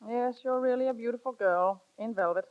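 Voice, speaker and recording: An actress playing a worldly sister who coaxes with conspiratorial glee, in vintage radio drama style, on a dull old broadcast recording. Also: female voice, fairly high pitch, fairly quick, lightly acted. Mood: coaxing. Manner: coaxing, playfully conspiratorial. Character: worldly older sister, scheming matchmaker. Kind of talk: 1930s radio drama acting.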